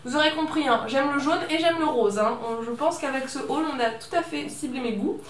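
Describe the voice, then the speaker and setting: A high-pitched woman chatting through a craft haul at home, chatty and self-mocking, full of little fillers. Her voice sits a little back from the mic in an echoey room, with a faint hiss underneath. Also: brisk, distant mic. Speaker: scrapbooking vlogger. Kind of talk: casual haul video chat.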